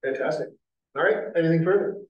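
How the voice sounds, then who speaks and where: A man's voice: on the high side, quick pace, lo-fi sound. Guy chairing a city board meeting, lots of ums and restarts, far from the mic. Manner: rambling, many fillers and restarts. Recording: echoey meeting room, distant mic.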